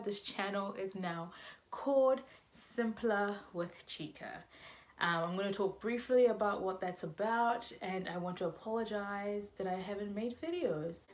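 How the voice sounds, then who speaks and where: Chatty woman in her twenties rambling. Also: medium pitch. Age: 20s. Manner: chatty, rambling, self-correcting, laughing asides. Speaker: vlogger. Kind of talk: casual chat to camera.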